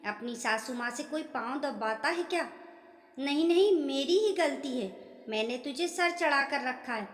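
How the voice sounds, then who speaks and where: A woman's voice: high voice, expressive, unhurried. A woman voicing a middle-aged mother who scolds her daughter insistently. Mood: scolding. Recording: echoey room with long reverb.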